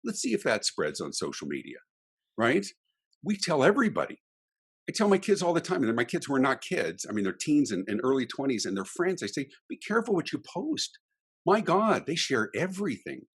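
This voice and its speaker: Animated, husky-voiced middle-aged man. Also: mid-range voice, brisk. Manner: emphatic and ranting, with vivid examples. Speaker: podcast guest, customer experience speaker. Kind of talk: animated interview talk.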